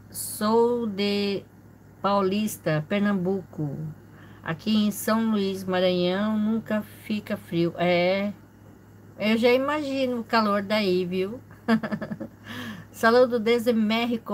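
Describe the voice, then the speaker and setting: A woman's voice: mid-range voice, a little mellow, a little hiss or hum, poor audio. A woman in her forties from Brazil, hosting a casual livestream from a room at home and greeting viewers one by one with small laughs. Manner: slow, chatty, greets viewers by name with frequent small laughs. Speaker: livestream host. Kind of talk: casual live chat reading viewer comments. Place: indoor home room with a fish tank.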